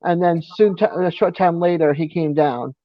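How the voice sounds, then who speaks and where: A man telling a story on a casual live chat, animated and laughing often. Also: a little high, normal speed, no echo. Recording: dry, dull lo-fi sound.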